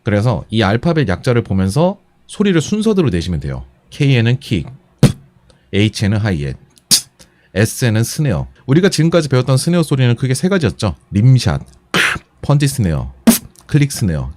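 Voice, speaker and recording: A man's voice: medium pitch, huge pitch swings, a little mellow, slight background noise. Patient man teaching beatbox basics. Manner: patient, methodical, repeats each step slowly. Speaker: beatbox instructor. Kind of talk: step-by-step tutorial explanation.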